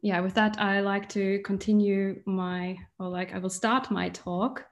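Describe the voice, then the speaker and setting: A woman's voice: mid-range voice, little pitch movement, measured pace. A young woman from Switzerland, a doctoral researcher, giving an online lecture from a museum collection room and explaining while holding up specimens. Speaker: PhD researcher.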